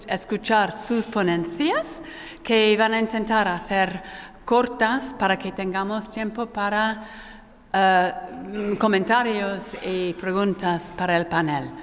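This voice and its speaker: A woman moderating a conference panel in an informal, halting way, her voice carrying a cathedral-like hall echo. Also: medium pitch. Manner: informal, halting, often restarting words. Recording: long reverb in a large echoey hall.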